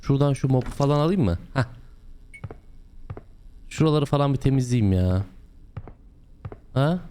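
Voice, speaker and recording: A young man with a slightly hoarse voice from a sore throat, chatting his way through a horror game as host, joking and breaking into loud exclamations. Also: mid-range voice, lively intonation, moderate pace, slight background noise. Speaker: gaming channel host. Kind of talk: let's play commentary.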